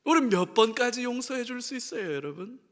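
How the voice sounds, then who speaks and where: A man's voice: extremely high pitch, sing-song, a little fast, big-room sound. A middle-aged male pastor preaching a sermon, questioning the congregation and acting out the voices he quotes. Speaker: senior pastor. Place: church sanctuary.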